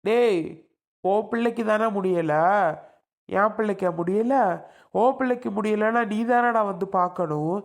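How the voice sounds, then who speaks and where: A woman voicing an angry middle-aged father-in-law who shouts and scolds in a cartoon serial. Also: medium pitch, a little slow, long pauses, natural voice.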